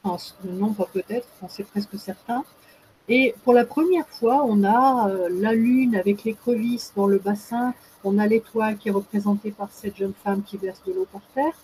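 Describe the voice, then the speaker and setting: A woman with a mellow, relaxed voice explains at length as a guest expert. She hesitates a lot, filling gaps and restarting her sentences. A faint noise sits under the recording. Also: mid-range voice, moderate pace, rough recording. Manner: hesitant, many fillers and restarts. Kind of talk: casual explanatory talk.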